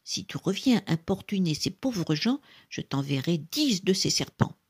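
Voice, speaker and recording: A reader doing a calm, stern old male beggar. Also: mid-range voice, moderate pace, slightly rough. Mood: commanding. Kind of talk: storybook character voice.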